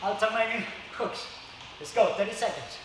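A man's voice: high-pitched, moderate pace, background noise. A man coaching a kickboxing workout, exerting himself as he calls out punch combos like a boxing coach in short cues with punchy sound effects. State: exerting himself, breathy from exercise. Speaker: fitness kickboxing instructor. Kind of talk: workout class instruction, short shouted cues and encouragement. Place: large indoor martial arts studio. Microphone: far from the camera. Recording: echoey room, distant mic, music behind. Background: workout music.

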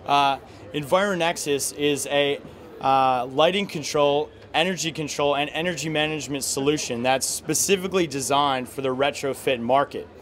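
A man in his thirties from the United States, a guest at a trade show interview, talking in a measured, upbeat way with many fillers, recorded at an indoor expo stand on a handheld mic. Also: a little high, fairly bright tone. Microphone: handheld mic held by interviewer.

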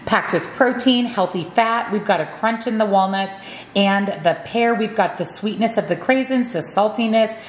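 A woman's voice: medium pitch, normal speed. Woman talking through a meal prep. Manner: friendly step-by-step instructions. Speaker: cooking channel host.

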